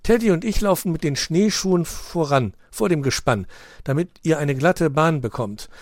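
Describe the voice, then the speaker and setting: Man voicing an eager storybook dog kid, raised pitch, bright and excited, for a children's tale. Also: normal speed, dry recording, clean studio sound, natural voice. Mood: bossy. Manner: excited, persuasive. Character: eager young male dog schemer.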